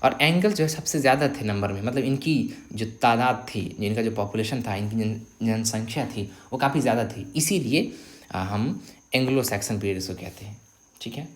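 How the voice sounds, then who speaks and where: A man's voice: lowish voice, normal speed. Man teaching step by step. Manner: explains step by step, often checks in with "ठीक है"; mixes English terms into Hindi. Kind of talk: exam-prep lecture.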